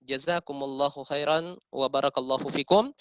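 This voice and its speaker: Seorang pria Indonesia mengajar tajwid, mengoreksi bacaan dan mencontohkan pelafalan yang benar dan yang salah. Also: male voice, mid-range voice, steady tone, normal speed, a bit bright, clean tone, no echo, muffled recording. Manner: corrective, demonstrates right and wrong recitation. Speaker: Quran recitation teacher. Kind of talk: tajwid lesson with recited examples.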